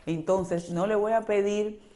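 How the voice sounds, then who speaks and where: Loud, lively woman vlogging. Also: medium pitch. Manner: lively, talkative, rambling, quick changes of loudness; speaks very loudly by her own account. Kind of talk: casual reflective monologue to camera.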